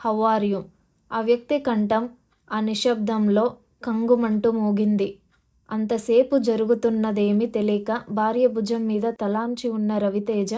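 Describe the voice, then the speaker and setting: A woman narrating an audio novel in a steady, expressive reading style. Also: fairly high pitch.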